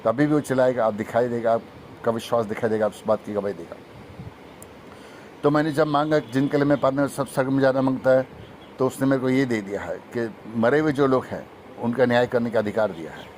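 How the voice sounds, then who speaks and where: Fast-talking man preaching. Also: medium pitch, a little mellow, a little hiss or hum. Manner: fast-talking, emphatic, breaks into sung hymn. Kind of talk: Hindi testimony sermon.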